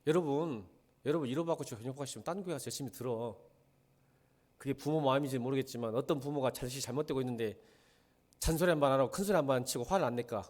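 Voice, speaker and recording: A middle-aged male pastor preaching a blunt sermon, firing rhetorical questions at his congregation and swinging from quiet talk to shouting. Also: medium pitch, rapid-fire.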